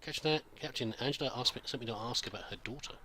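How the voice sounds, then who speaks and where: A man with a medium-pitched voice talks quickly in a sharp tone over slight background noise. He's a gamer narrating a roleplay playthrough, offering casual, rambling commentary and musing aloud in a hesitant, polite way as he plays.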